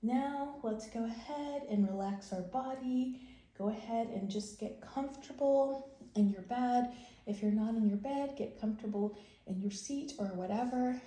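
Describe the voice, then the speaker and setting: This woman's voice runs a little high and dark in tone, at a moderate pace, as she hosts a bedtime read-aloud. She addresses small children with simple, emphatic phrasing and questions that guide them along. The clip was captured at home in a roomy, echoey space.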